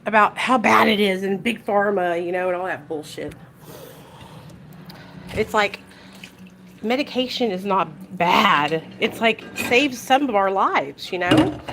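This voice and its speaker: Animated and fairly bright, this woman's mid-range voice moves a little slowly as she talks to camera about recovering from addiction. She's outspoken, passionate and casual, swearing freely in a strong voice, while clicks and kitchen clatter are clearly audible behind her.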